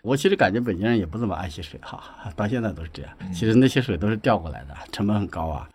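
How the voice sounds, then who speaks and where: A man from Shaanxi, a guest writer on a podcast, talking in a lively, chatty way and often laughing. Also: lowish voice, racing, breathy edge. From Ankang, Shaanxi, China. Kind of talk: conversational podcast interview.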